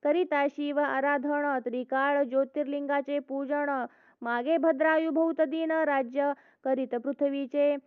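A woman reading devotional verse aloud in a steady, chanting cadence, as a scripture reader. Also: high voice, unhurried, no room sound. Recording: tinny phone-like dry recording.

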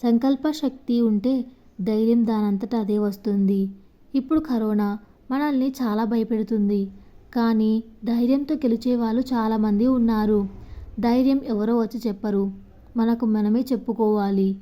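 Lady storyteller doing a caring mom giving a pep talk, earnest, kinda high voice. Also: steady tone, normal speed, dark tone, lightly acted. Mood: encouraging. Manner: earnest, reassuring advice. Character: caring widowed mother, calm and encouraging.

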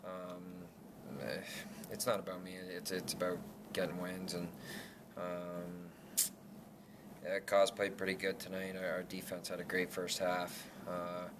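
A young man in his twenties, a lacrosse player, answering reporters after a game in a halting way with many restarts. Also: deep voice, completely flat delivery. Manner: halting, many restarts and fillers, laughs self-consciously. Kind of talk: post-game media scrum. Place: press backdrop room indoors. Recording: noisy room ambience.

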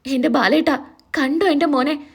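A woman's voice: high voice, normal speed, creaky. A woman voicing a middle-aged mother lamenting over her injured son. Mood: grieving.

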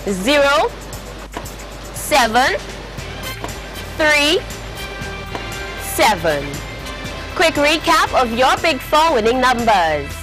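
A young woman presenting a scripted televised lottery draw, announcing numbers in a formal, measured way. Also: sits high, sing-song. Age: young adult. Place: TV studio. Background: faint music.

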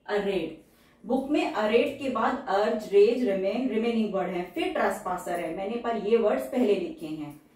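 A woman teaching shorthand, explaining each outline step by step and repeating every word slowly and carefully. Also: medium pitch, a little mellow, distant mic. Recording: very echoey room, voice from off the mic.

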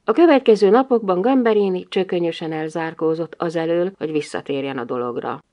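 A woman narrating a humorous novel in the first person, with a wry, lively delivery. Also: lowish voice. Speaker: audiobook narrator.

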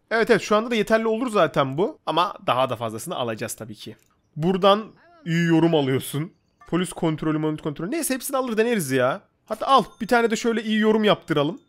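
Fast-talking excitable male gamer. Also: fairly high pitch. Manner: excitable, talks to himself and the viewers. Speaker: gaming YouTuber. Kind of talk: casual gameplay commentary.

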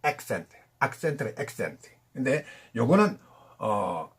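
A man teaching English pronunciation, drilling words slowly and singing nursery-rhyme lines to show the sounds. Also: mid-range voice, big pitch swings, slightly rough. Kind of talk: pronunciation lesson.

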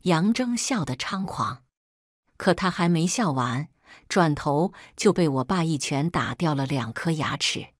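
A woman narrating a dramatic first-person family story in a steady, scripted storytelling manner. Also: low voice, measured pace, dry recording, studio quality.

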